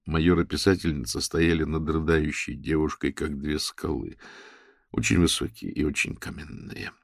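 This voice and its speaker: Deep gravelly male audiobook narrator. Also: normal speed, dry recording, studio quality. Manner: expressive reading with husky, gravelly tone. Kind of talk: scripted narration.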